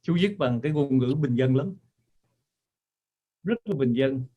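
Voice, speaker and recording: A man's voice: medium pitch, lively intonation, a little slow, dull audio. Earnest man explaining to an audience. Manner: earnest, repetitive. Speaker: author and teacher. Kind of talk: talk to an audience.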